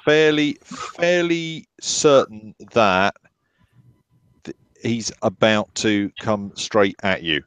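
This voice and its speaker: Male game master, slow and halting delivery, dry close recording. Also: on the low side, fairly bright tone, smooth, no echo. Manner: halting, full of ums and restarts. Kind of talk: narrating a tabletop horror game.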